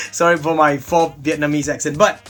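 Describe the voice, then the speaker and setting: Seated at a desk in a small room, a young man from Singapore runs a toy blaster review channel. His voice is a little high and a bit bright, at normal speed with little pitch movement, and he chats upbeat through his product vlog, saying "really, really" a lot.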